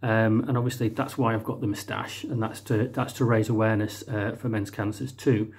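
Husky man in hesitant chat. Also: lowish voice, steady tone, a little fast, darkish tone. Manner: hesitant, many ums and restarts. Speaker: amateur singer, channel host. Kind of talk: casual chat to camera.

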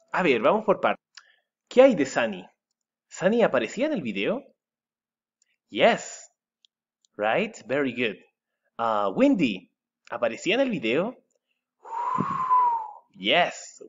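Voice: mid-range voice, sing-song, slow pace, long pauses, breathy edge, highs cut off. An English teacher from Chile with a Chilean Spanish accent, patiently drilling words and switching between Spanish and English in a recorded lesson. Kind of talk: remote classroom lesson.

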